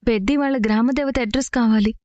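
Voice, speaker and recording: A woman's voice: a little high, fast, dark tone, no room sound, muffled recording, natural voice. An actress playing an earnest, persistent young married woman who is asking for help. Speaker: actor in a TV serial. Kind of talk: TV serial acting.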